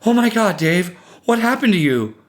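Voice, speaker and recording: A man's voice: medium pitch, lively intonation, normal speed, voice pushed up, close to an everyday voice. A man voicing a frightened young wife and mother, anxious and pleading, in an audiobook reading. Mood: alarmed.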